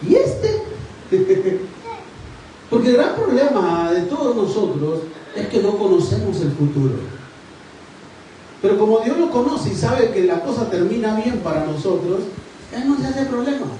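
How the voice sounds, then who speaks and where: High-voiced pastor preaching in an echoey hall. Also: male voice, normal speed, a little hiss or hum. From Argentina. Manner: storytelling, animated and emphatic. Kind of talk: sermon. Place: church. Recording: echoey church hall, mic at a distance.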